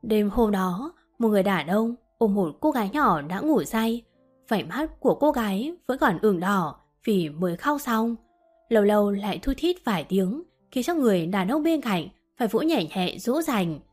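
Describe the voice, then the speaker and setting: A woman reads a romance novel aloud at a middle pitch, her tone gentle and steady. She carries both lovers' dialogue in her own voice while soft music plays faintly behind her. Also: moderate pace. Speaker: audiobook narrator. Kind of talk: scripted narration of a romance novel.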